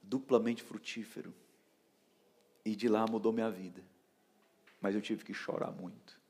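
A man preaching an emotional sermon, swinging from shouts down to hushed near-whispers. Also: lowish voice, steady tone, unhurried, vocal fry, slightly rough. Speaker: pastor.

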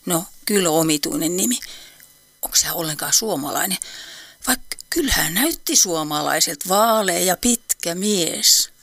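A woman's voice: lowish voice, animated, fairly bright tone, no room sound. An actress playing a nosy, fussy elderly woman with an Eastern Finnish dialect in a radio play. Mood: fussing. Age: older.

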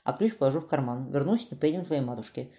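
A gruff sardonic man barking short orders, read by a woman, low dark voice, moving fast, storybook style. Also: expressive. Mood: curt. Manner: curt, commanding. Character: stern, sardonic man, gun in hand.

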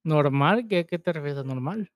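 High-voiced young man, joking. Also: expressive, normal speed, dry recording, studio quality. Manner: slangy, joking, questioning. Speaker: podcast co-host. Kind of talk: casual chat.

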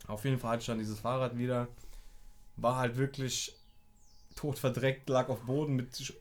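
A man's voice: medium pitch, flat delivery, a crowd in the background. A young man, chatting casually on a podcast in street slang. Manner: fast, slangy street talk. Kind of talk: casual chat.

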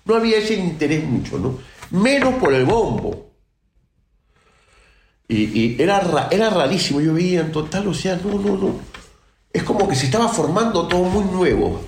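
A man's voice: high-pitched, very animated, moderate pace, echoey room, slight background noise. A man from Peru, a guest percussionist, talking outspokenly and emphatically in a casual interview, with many restarts.

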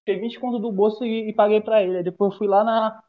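A man's voice: high voice, fairly even intonation, quick pace, narrow, tinny audio. A young man, telling a rambling, profane story to friends over a call, full of restarts. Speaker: guest. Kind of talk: casual storytelling among friends. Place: bathroom, during an online class.

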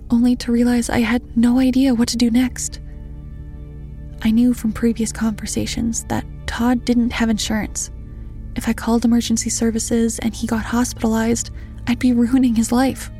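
Woman narrating horror in a measured tone. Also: fairly high pitch. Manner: measured, steady delivery dropping to hushed half-whispers.

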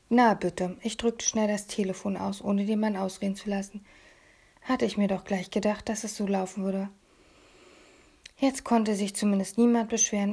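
A woman reading a first-person audiobook in a hushed, confiding manner, often dropping to a half-whisper. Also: medium pitch, gravelly, slightly rough. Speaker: audiobook reader.

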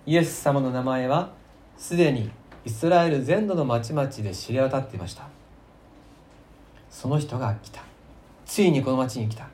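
A man's voice: a little high, echoey room. Emphatic male pastor preaching. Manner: emphatic storytelling with sudden loud and soft swings; asks the congregation rhetorical questions. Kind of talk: sermon.

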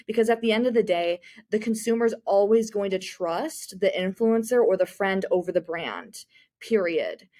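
This is a young woman answering interview questions in a friendly, talkative way. She keeps slipping "you know" between her thoughts, and her voice sits at an everyday mid pitch. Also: dark tone. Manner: chatty, with many "you know" fillers. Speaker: marketing communications manager.

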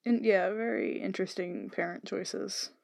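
Podcast co-host, gravelly, mid-pitched, dry close sound, short skeptical remarks. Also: steady tone, normal speed, darkish tone, no echo. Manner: reactive, skeptical, short comments and questions. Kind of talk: casual podcast chat.

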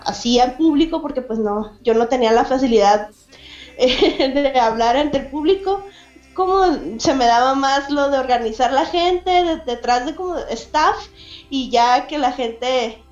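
This woman from Mexicali, Baja California, Mexico, is a cartoonist and event organizer chatting as a guest in a casual interview. Her voice is high-pitched yet darkish in tone, and she's talkative, laughs often, and restarts with many fillers. The audio sounds dull and reverberant.

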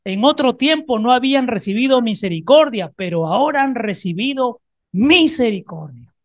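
A woman preaching a sermon to a congregation in a church, emphatic and repeating phrases, moving between soft, close talk and loud rallying. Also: a little high, lively intonation, moderate pace, dry recording.

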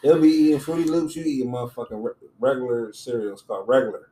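A man casually telling a story on a podcast, animated, acting out other people's lines in raised voices and laughing often. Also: mid-range voice, quick pace, over a noisy crowd. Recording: roomy with faint noise.

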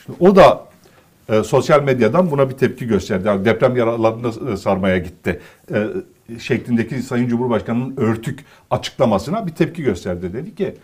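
A man's voice: medium pitch, animated, brisk, a little mellow, breathy edge. Male pundit, mid-range voice, emphatic explainer who leans on rhetorical questions. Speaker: commentator. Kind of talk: political commentary chat.

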